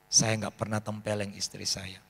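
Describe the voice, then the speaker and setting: A man, preaching a sermon as pastor and telling animated stories. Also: fairly low pitch, normal speed, gravelly, slight background noise. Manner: animated storytelling, acts out voices of people in his stories.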